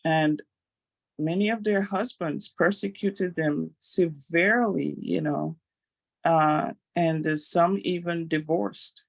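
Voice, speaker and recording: A woman from Guyana sharing a devotional reflection on a video call, halting and pausing often between phrases. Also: on the low side, gravelly, dry recording. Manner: halting, with many pauses and fillers.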